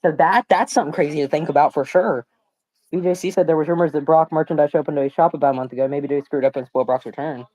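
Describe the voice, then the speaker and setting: A young man fires off excited slang and exclamations at a fast clip while hosting a live watch party stream. His higher-leaning voice is hoarse and cracks from a sore throat, and the phone mic gives a lo-fi sound.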